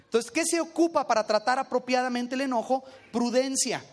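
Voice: high voice, a little fast. A pastor preaching to a congregation in a conversational way, asking them questions and rereading lines for emphasis. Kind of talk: sermon.

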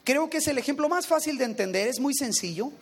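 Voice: high-pitched, animated, quick pace. A pastor preaching to a congregation in a conversational way, asking them questions and rereading lines for emphasis. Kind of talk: sermon.

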